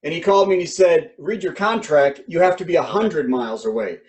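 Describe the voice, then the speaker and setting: Lively high-voiced male show host. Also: a little fast. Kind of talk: casual chat.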